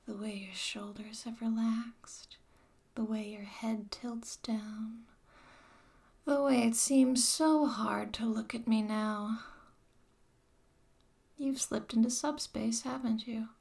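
A woman playing a mocking, controlling former dominatrix in a whispered audio roleplay, talking to the listener in a slow, taunting way. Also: on the high side, fairly even intonation, gravelly, a little mellow.

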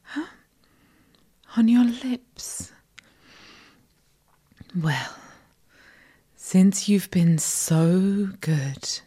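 A woman performing a whispered intimate audio roleplay for the listener, coaxing and giving gentle commands. She whispers breathily into a close microphone. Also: mid-range voice, lively intonation, slightly rough. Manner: slow, soft, coaxing and commanding.

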